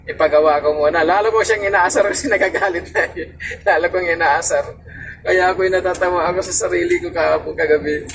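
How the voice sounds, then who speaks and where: A man's voice: fairly high pitch, vocal fry. A man, a truck driver, casually giving advice to fellow drivers, rambling with many fillers. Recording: distant mic, noisy surroundings.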